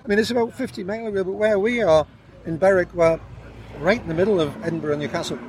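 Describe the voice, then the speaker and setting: A man's voice: high-pitched, fast talker, crowd noise. A man, chatting casually as a band musician being interviewed. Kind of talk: casual chat.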